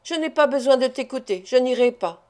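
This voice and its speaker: A woman's voice: on the high side, steady tone, moderate pace, darkish tone, lightly acted. A woman voicing an angry, proud man who speaks harshly in furious outbursts.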